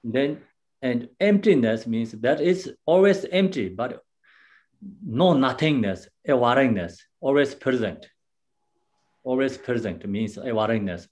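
Male Buddhist teacher, dharma teaching; unhurried, halting delivery with frequent pauses, simple non-native English phrasing, medium pitch. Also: animated, darkish tone. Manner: halting, unhurried explaining with many pauses and restarts.

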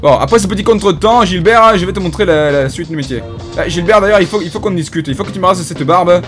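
A man's voice: sits high, expressive, fast talker, fairly bright tone, soft background music. A man voicing a pompous, bumbling police inspector in mock-solemn game commentary, with a French accent and hesitant fillers. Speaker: gaming YouTuber. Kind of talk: comedic in-character game commentary.

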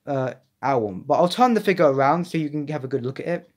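Excitable young man reviewing toys. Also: a little high, fast talker. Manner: chatty, excitable, rambling with restarts. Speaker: toy reviewer. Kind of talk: casual unboxing vlog.

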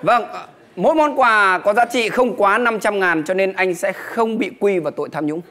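A man playing an officious celestial game-show host in a satirical stage comedy, announcing formally and briskly. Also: high voice, fairly bright tone.

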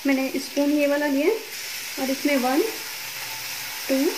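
A woman's voice: high-pitched, flat delivery, measured pace, background noise. A woman hosting a home cooking tutorial, walking through each step in a chatty way and often saying "okay". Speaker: cooking channel host. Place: home kitchen at a gas stove. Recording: echoey kitchen with loud sizzling.

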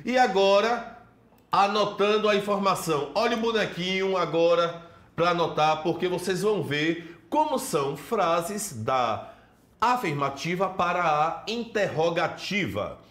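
A man's voice: high voice, lively intonation, unhurried, fairly bright tone. A man teaching an English lesson in Portuguese with a Brazilian accent, explaining step by step and greeting students by name. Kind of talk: televised classroom lesson.

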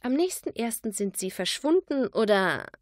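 A woman's voice: fairly high pitch, sing-song, no room sound, studio quality, pitched above the performer's own voice. A woman doing an icy, haughty businesswoman. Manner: drawn-out, condescending. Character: haughty, cold businesswoman landlord agent.

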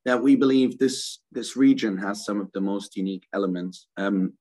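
A man's voice: lowish voice, moderate pace, a little mellow, poor audio. A middle-aged man from Germany, a guest on a video-call interview, speaking fluently and energetically and often adding "right?". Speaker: guest, crypto ecosystem co-founder. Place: indoors, virtual office backdrop.

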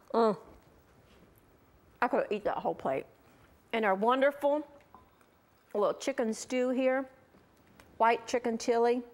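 A middle-aged woman hosting a cooking show, gushing enthusiastically over the food she demonstrates. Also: mid-range voice.

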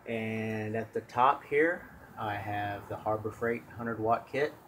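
In this off-the-cuff demo, a hobbyist vlogger tests his solar gear on a handheld camera, talking plainly and rambling with lots of fillers and restarts. He speaks slowly in a fairly low voice over background noise.

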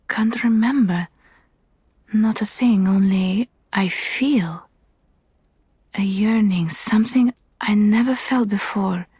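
A woman voicing a gentle living doll in a video game, a talking doll speaking slowly, formally and softly in a breathy whisper. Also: medium pitch, dry recording, clean studio sound. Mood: bewildered, moved. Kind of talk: video game character dialogue.

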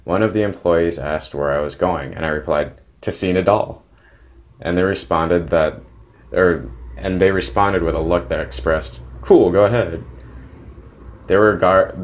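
A young man narrating a travel diary in a plain, detailed way, with small restarts. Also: deep voice. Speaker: vlogger narrating a trip.

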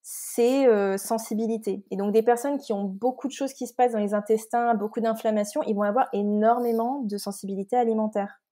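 Mellow-voiced woman explaining things. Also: fairly high pitch, fairly even intonation, brisk, hardly any pauses. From Scotland. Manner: explanatory, with frequent restarts. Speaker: nutritherapist guest. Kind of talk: casual interview chat.

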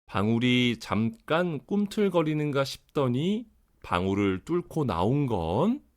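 A man's voice: medium pitch, very animated, a little slow. A man narrating a children's story expressively, articulating every word with great care. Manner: over-enunciated, very careful articulation.

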